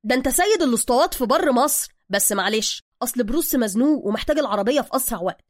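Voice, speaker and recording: A woman voicing a smooth-talking male fixer who flatters and soothes in Egyptian Arabic. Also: a little high, very fast, no room sound, studio quality. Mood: coaxing.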